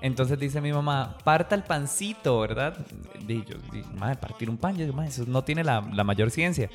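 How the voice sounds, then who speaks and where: A man's voice: mid-range voice, moderate pace. A Costa Rican man chats casually in a slangy, playful way, often laughing. Faint music plays in the background. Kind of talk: casual chat.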